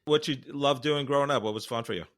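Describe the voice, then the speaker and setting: A man hosting a podcast, asking relaxed questions and giving brief replies. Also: mid-range voice, fast talker, a little hiss or hum. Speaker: podcast host. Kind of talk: casual interview chat.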